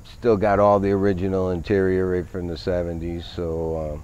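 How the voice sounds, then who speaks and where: A middle-aged man with a low, mellow voice talks in an easygoing, unhurried way, with many small fillers. He is recorded outdoors on a grassy show field. The sound is a little dull and lo-fi. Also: level tone. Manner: easygoing, many fillers, technical car talk. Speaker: van owner. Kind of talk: casual interview.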